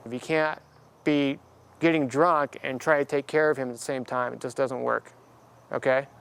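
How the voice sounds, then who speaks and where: Male officer, monotone, matter-of-fact, faint night noise outside. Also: medium pitch, normal speed, creaky. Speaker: police officer. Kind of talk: on-duty talk and recap to camera.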